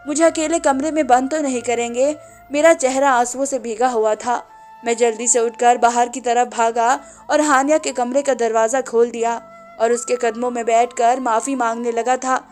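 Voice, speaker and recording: A woman narrating a sad story in a soft, emotional storytelling manner. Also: high-pitched.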